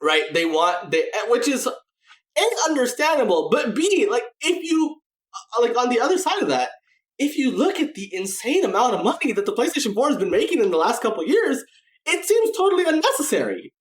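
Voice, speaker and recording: A man talks casually on a gaming podcast, his pitch swinging widely as he rambles and restarts his sentences. He keeps asking "right?" and "you know?" as he goes. The room around him sounds echoey. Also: sing-song, fairly quick. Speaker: podcast co-host.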